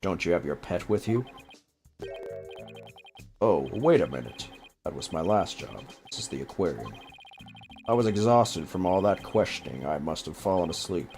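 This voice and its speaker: Man doing a groggy, low-voiced, gruff vet. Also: big pitch swings, moderate pace, pauses often, a little mellow, faint music behind. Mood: groggy, confused. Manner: groggy, as if just woken up. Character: gruff, groggy male aquarium veterinarian. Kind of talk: video game dialogue read aloud.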